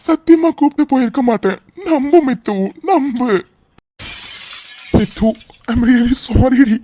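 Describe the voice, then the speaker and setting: A man's voice: very high voice, mellow. A man voicing a cartoon friend who begs forgiveness and a grieving father, in a pleading, apologetic manner. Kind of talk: cartoon voice acting.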